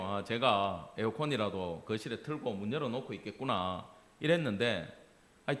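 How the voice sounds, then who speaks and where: Animated Korean pastor preaching. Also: male voice, medium pitch. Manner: lively, acts out family dialogue, asks congregation questions. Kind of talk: Wednesday sermon. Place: church sanctuary.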